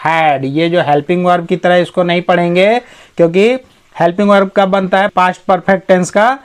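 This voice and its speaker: Slow teacher, higher voice. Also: male voice. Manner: reads English slowly, then explains in Hindi. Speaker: English teacher. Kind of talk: line-by-line story reading lesson.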